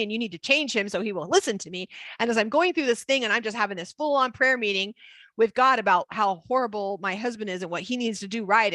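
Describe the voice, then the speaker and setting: A woman co-hosting a casual Bible study chat, telling a personal story and slowing down for emphasis. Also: medium pitch, sharp tone, dry recording. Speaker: Bible teacher and co-host.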